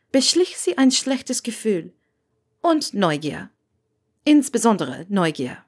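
A woman reading a fan fiction story aloud in a steady, expressive way. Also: on the low side. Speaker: audiobook reader.

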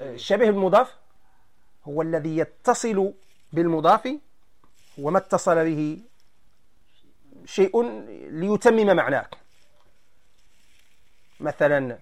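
A man with a Moroccan Arabic accent teaching a grammar lesson, explaining slowly and quizzing his students. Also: fairly high pitch.

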